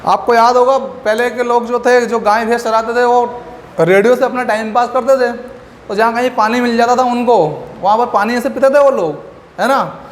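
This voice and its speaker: Very high-pitched guy teaching, quizzes himself, roomy echo with a long tail. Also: moderate pace. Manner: animated, asks questions and answers them himself. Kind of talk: classroom lecture with memory tricks. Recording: echoey room with faint background noise.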